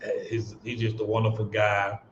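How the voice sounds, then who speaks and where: A man's voice: on the low side, monotone, moderate pace, a little hiss or hum. An American man hosting a casual livestream, talking earnestly with lots of restarts and fillers. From United States. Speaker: livestream host. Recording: roomy, dull-sounding stream audio.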